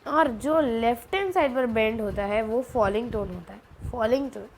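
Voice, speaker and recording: A woman with a fairly high voice teaches a casual Chinese lesson at a moderate pace, explaining patiently, slipping in English phrases and repeating syllables to demonstrate. The recording is low quality, with faint background noise.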